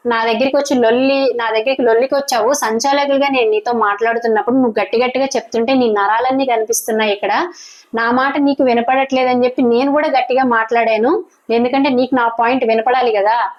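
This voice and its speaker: A woman reviewer talks through a reality show episode at a rapid clip. Her voice sits a little high. She retells each argument in a lively, chatty way and acts out the quoted lines. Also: muffled recording. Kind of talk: casual spoken review recounting quoted arguments.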